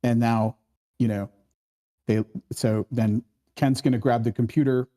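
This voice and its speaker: A man with a warm, mid-range voice and fairly even intonation speaks a little slowly as he hosts a casual screenplay workshop. His explanations are conversational, dotted with acted-out quoted dialogue and frequent "right?" check-ins with his listeners.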